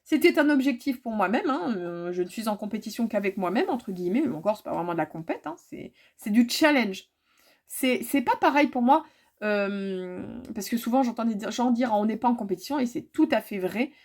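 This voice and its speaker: A woman's voice: fairly high pitch, expressive, normal speed, darkish tone. A woman chatting casually to her viewers about her cross-stitch projects, full of fillers and repeated words.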